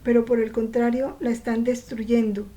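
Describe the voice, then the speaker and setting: A woman reading from a devotional text and explaining it, pausing to ask her listeners rhetorical questions. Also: on the high side, flat delivery, mellow. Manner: slow, reflective, poses rhetorical questions to listeners.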